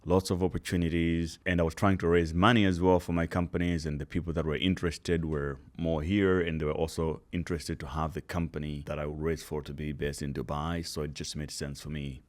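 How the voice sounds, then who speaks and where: A man, a guest telling his story in a relaxed, casual interview chat. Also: rumbling low, fairly quick, few pauses. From Malawi. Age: 30s.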